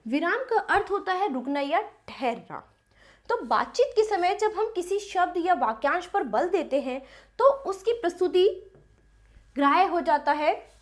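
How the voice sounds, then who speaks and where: Lively high-voiced woman teaching children. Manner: explains slowly and asks the class questions. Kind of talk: textbook lesson for children.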